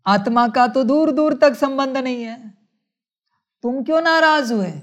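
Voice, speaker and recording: A woman giving a spiritual sermon, speaking in a measured way, calling her listeners children and asking rhetorical questions. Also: sits high. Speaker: spiritual teacher.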